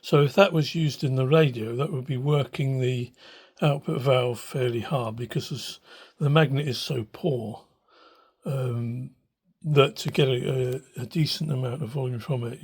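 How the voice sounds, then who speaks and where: Husky and darkish, with a mid-range pitch and a slightly slow pace, the voice belongs to an older hobbyist radio restorer. He demonstrates informally and without a script, thoughtful and hesitant, in a cluttered little room recorded by a handheld phone behind the camera.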